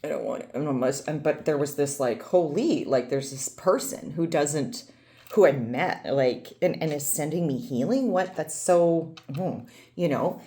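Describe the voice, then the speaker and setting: A woman in her forties, a vlogger, tells a personal story casually, with a deep, mellow voice and measured pace. Her telling meanders and stays chatty, and she often corrects herself.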